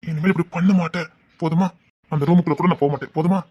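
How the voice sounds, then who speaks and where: Brief: a gentle, unhappily married young man, husky and quick, quiet and consoling. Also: a little high, fairly even intonation, dull audio. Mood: soothing. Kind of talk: TV serial melodrama.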